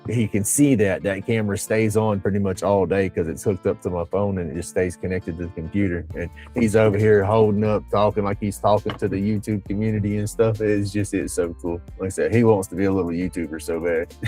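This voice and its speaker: Folksy older man, mellow voice. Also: sits low, fairly even intonation, a little fast, hardly any pauses, soft background music, poor audio. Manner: rambling, folksy, laughs often. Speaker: livestream host. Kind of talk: casual chat.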